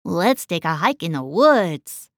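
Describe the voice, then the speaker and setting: Woman doing a calm, easygoing boy. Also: on the low side, takes it slowly, no room sound, clean studio sound, pitched below the performer's own voice, full character voice. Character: calm friendly boy suggesting a hike.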